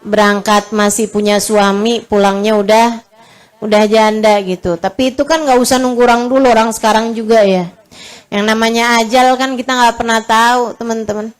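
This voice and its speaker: A woman's voice: fairly high pitch, fairly even intonation, moderate pace. A woman preacher, telling stories in a sermon with emotion and casual jokes, calling her listeners friends. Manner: emotional storytelling, softens to a hush when quoting comfort; chatty and joking, addresses audience as friends. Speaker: Islamic preacher. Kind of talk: sermon storytelling.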